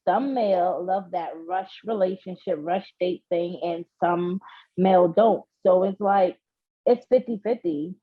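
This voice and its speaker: Nervous woman from guyana, slow talker, lots of ums n giggles, kinda dull lo-fi sound. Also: lowish voice. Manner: hesitant, nervous, giggly, many fillers. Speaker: guest. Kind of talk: casual chat.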